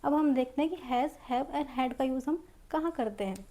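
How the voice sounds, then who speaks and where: Woman, grammar teacher, high voice, mellow tone, step-by-step explaining, repeats examples. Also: normal speed, slight background noise. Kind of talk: Hindi-medium grammar lesson.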